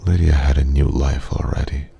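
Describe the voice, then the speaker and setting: Man playing a very deep, gravelly old sage. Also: fairly even intonation, heavily acted. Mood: wistful, regretful. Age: older. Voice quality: soft-spoken, gravelly. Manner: old sage, slow, gentle, earnest counsel. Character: wise, regretful old man at a pub, an old sage giving life advice. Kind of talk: ASMR role-play.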